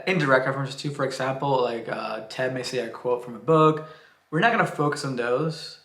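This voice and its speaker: Speaking in a bright, forceful mid-range voice, this book vlogger from Cuba chats loosely to his camera with a Cuban accent. His talk wanders, with frequent "uh"s and false starts, all caught in an echoey room.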